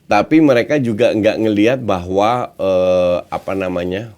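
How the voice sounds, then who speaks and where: Relaxed Indonesian football pundit. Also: male voice, lowish voice, measured pace. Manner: relaxed, mixes English phrases into speech. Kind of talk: casual football chat.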